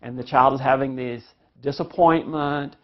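A man's voice: mid-range voice, steady tone, normal speed. A man explaining child behavior in a recorded parenting class, walking through everyday examples and sometimes acting out the people in them. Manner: explanatory, uses examples, acts out quoted voices. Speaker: parenting instructor. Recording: dull lo-fi recording.

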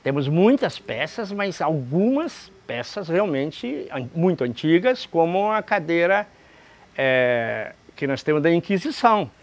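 A Brazilian restaurant owner in his fifties answers interview questions haltingly, with many restarts, while seated indoors in a large restaurant. He speaks with a Brazilian Portuguese accent in a slightly high, very animated voice. The camera frames him closely.

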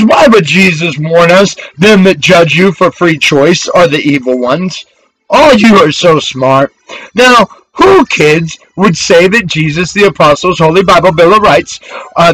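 Fiery high-voiced man preaching. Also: fairly bright tone, no echo, poor audio. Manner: fiery, repetitive, preaching at listeners and addressing kids. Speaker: street preacher. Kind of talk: impassioned sermon with scripture reading.

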